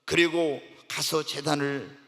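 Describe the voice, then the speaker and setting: High, bright-voiced pastor preaching in a hall. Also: male voice, steady tone, takes it slowly, gravelly. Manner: preaching with call-and-response questions to the congregation. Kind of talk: sermon. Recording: church hall with long reverb.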